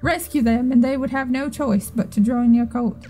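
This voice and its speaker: A male mole-like guide creature speaks in a solemn, wandering made-up accent, as a woman puts it on while reading game text. The voice sits higher and softer than ordinary talk. Its tone is mellow and dark. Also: normal speed, faint music behind, lightly acted, poor audio. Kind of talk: reading game dialogue aloud.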